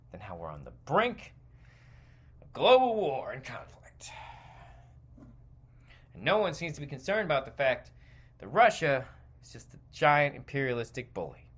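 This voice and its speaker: An American man from the United States hosts a podcast in a mid-range, fairly bright voice. His comedic stream-of-consciousness rant is exasperated, foul-mouthed and emphatic, and he often repeats himself.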